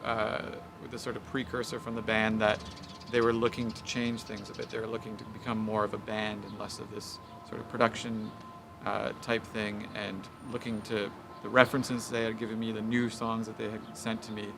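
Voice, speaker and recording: Producer type, level voice, halting speech with lots of ums, outdoors with loud traffic behind. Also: male voice, on the low side, completely flat delivery, vocal fry. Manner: hesitant, many fillers. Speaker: record producer. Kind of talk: reflective interview answer. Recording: outdoor street noise behind voice.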